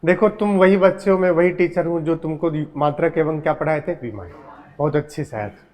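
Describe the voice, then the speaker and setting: A man's voice: fairly high pitch, a little fast, darkish tone. A man teaching a physics class, who teases his students and keeps asking them questions. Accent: Hindi. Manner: teasing, asks the class questions. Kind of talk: classroom lecture.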